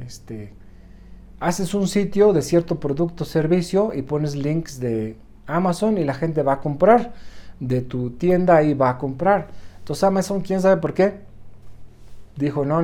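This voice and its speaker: A man with a Mexican accent gives a casual motivational talk straight to his viewers. His voice is dark and mellow, and he keeps adding a quick "right?" to his sentences as he urges people to keep going. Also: fairly high pitch. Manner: encouraging, talks straight to the viewer. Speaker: motivational vlogger.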